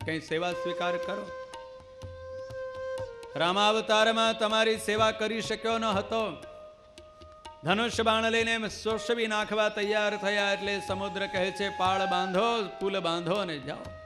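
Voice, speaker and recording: A man's voice: high-pitched, steady tone, unhurried. A man voicing the humble ocean spirit. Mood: pleading. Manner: reverent, pleading. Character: personified ocean, humble male spirit with folded hands. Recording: clear devotional music with tabla behind.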